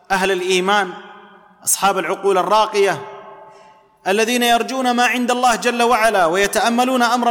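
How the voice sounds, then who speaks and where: High-voiced preacher in a reverberant hall. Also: male voice, a bit bright. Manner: explanatory, repeats key phrases. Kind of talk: religious lesson.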